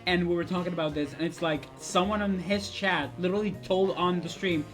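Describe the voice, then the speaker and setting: A young man talks in a high, youthful voice that could pass for a woman's. He rambles passionately and swears freely in a casual gaming chat, with music underneath. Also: fairly even intonation, a little fast, rough recording. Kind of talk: casual chat about video games. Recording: background music behind the voice.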